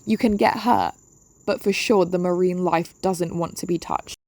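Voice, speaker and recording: A woman's voice: fairly low pitch, steady tone, moderate pace, darkish tone. A woman narrating an instructional dive safety briefing, giving polite but firm step-by-step directions.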